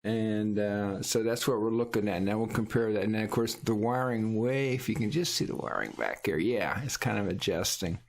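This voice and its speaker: A man's voice: lowish voice, vocal fry. A man hosting his own livestream, chatting casually. He rambles and halts, often restarting his sentences. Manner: rambling, halting, with frequent restarts. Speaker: Twitch streamer hosting a livestream.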